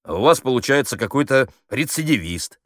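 Reading aloud in a medium-pitched voice raised above his natural register, a man plays a pompous, fussy army officer barking orders at amateur actors in a play. His delivery is very animated, a little fast, fairly bright and commanding, captured in clean studio sound with no echo.

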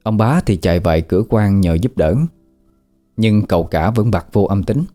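A man narrating a scripted ghost story, measured and steady. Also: on the low side. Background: faint background music.

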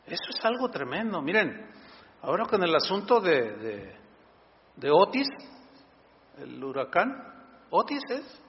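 A pastor preaches with a high, lively voice that climbs even higher when he acts out what others say. The sound is dull and muffled, and a long reverb from a large church hall trails after each phrase. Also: unhurried, pauses often. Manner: animated, acts out quoted voices in a higher pitch. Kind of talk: sermon.

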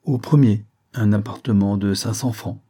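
A man's voice: on the low side, steady tone, normal speed, mellow, lightly acted. A man voicing a cheeky, curious young apprentice printer who chatters and gossips in an audiobook reading. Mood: gossiping.

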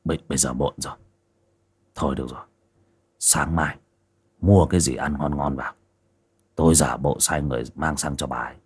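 A man voicing a cruel grown son who mutters and growls his threats low. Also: normal speed, long pauses. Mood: menacing.

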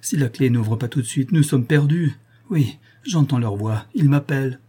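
A frightened young woman on the run, speaking in a breathless, urgent rush, as a male narrator puts her on. The voice is husky and mellow. This is a storybook reading. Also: medium pitch, moderate pace, natural voice.

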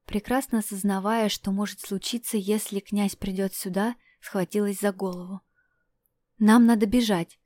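Female audiobook narrator, measured first-person storytelling, dry close sound. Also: mid-range voice, flat delivery, a little mellow, dry recording.

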